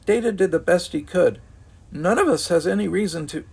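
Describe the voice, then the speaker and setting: A man's voice: high voice, brisk, gravelly, slightly rough, pitched above the performer's own voice, exaggerated voice. A man voicing a young female crewmember who defends a friend. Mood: defensive.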